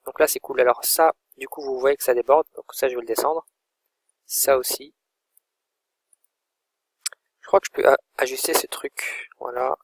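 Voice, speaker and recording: A man in an informal, think-aloud software tutorial, talking his viewers through each click as he goes. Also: mid-range voice, steady tone, moderate pace, pauses often, no echo. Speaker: online course instructor. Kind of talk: screen-recorded software tutorial.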